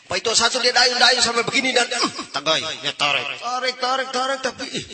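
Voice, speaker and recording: Papuan-accented comic storyteller, man, animated, bright tone. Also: very high-pitched, a little fast. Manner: lively, jumping into characters' voices. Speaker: comedy storyteller. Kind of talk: telling funny folk stories. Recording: roomy echo.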